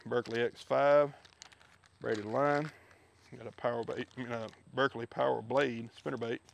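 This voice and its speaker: Gravelly man showing off gear. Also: mid-range voice, slight background noise. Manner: relaxed, chatty, with many fillers. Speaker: fishing video host. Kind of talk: casual product walkthrough. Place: backyard outdoors. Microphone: head-mounted action camera.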